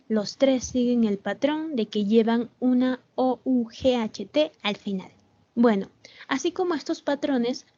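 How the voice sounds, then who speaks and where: A woman teacher talks slowly and patiently in a rather high, mellow voice, stopping often to check that her class follows. The sound is dry and close, with the dull, lo-fi quality of a video call. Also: no room sound. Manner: patient, slow, repeats "¿Ven?" to check understanding. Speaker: English teacher. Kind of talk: online class explanation.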